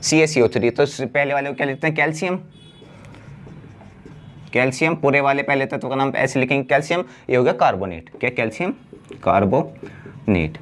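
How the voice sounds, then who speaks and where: A man teaching a class chemistry lesson. He asks the class questions and answers them himself, drawing out the key words slowly. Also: medium pitch, fairly bright tone, slight background noise. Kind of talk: blackboard lesson.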